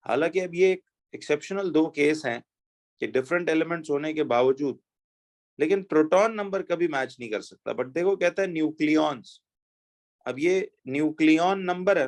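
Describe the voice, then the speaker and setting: A man teaching a chemistry lesson, reading exam questions slowly and explaining step by step with rhetorical questions to his pupils. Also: a little high.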